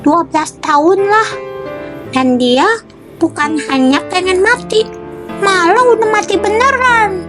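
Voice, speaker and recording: An adult voicing a cheerful young child character in a children's show, speaking slowly and reassuringly. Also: extremely high pitch. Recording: children's music playing behind.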